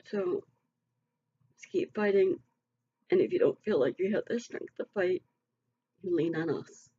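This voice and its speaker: A woman's voice: lowish voice, a little slow, mellow, breathy edge, highs cut off. A middle-aged woman talking earnestly and emotionally to her online community in a casual, rambling vlog. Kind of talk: casual heartfelt vlog talk.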